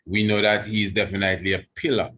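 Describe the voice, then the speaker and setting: Deep-voiced man in reverent Rasta speech. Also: fairly even intonation, quick pace, sharp tone. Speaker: priest giving a guest address. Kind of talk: reverent celebratory religious address, extemporaneous.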